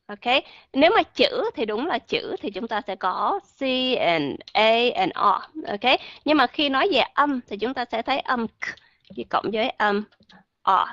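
Woman, pronunciation teacher, online class. Patient explainer, models words slowly. Slightly high voice, dull lo-fi audio. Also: very animated, a bit bright, no echo.

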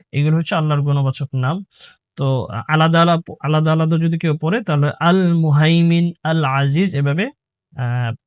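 A man teaching Quran recitation, spelling out each letter and vowel mark and then chanting the whole word slowly. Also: on the high side, smooth, no echo, studio quality. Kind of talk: slow letter-by-letter tajweed lesson.

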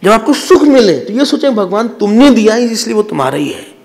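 A man giving a scripture discourse as a swami, animated and teaching with laughs and quoted voices. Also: sits high, a little fast, vocal fry, big-room sound. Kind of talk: sermon.

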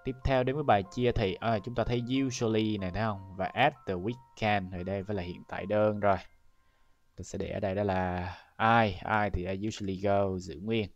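A man's voice: on the low side, fairly even intonation, a little fast, no echo, muffled recording, soft background music. A man from Vietnam teaching English, walking a class through an entrance exam step by step and speaking straight to the students. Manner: explains step by step, addresses class directly. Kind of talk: exam-prep lesson walkthrough.

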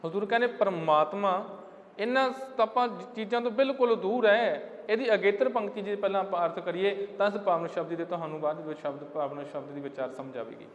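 Brief: male preacher, high voice, chants scripture lines slowly, long hall echo. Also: muffled recording. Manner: addresses listeners as dear ones of the Guru. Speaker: Sikh preacher giving katha. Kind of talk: sermon explaining scripture lines.

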